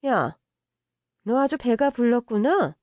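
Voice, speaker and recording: A woman's voice: on the high side, big pitch swings, slow, a little mellow, no room sound, clean studio sound. A woman voicing a haughty, contemptuous middle-aged mother-in-law who scolds and belittles in a story drama. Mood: scolding. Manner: sneering, bossy, scolding in banmal. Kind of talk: audio drama story reading.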